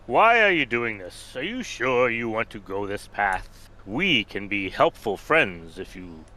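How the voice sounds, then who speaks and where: A man's voice: on the low side, very animated, unhurried, pushed and bright, full character voice. A man voicing a vain, courtly hero in a bold, grandiose heroic voice for a tabletop game. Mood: grandly courteous.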